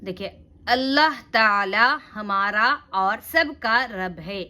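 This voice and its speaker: Slow bright-voiced woman teaching Urdu reading. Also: mid-range voice. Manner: slow syllable-by-syllable spelling, explaining patiently. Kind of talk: spelling-out reading lesson.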